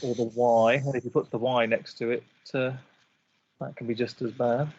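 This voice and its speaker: A man's voice: medium pitch, level tone, moderate pace, a little mellow, breathy edge, highs cut off. A man giving live game commentary, chatty and analytical as he breaks down each move.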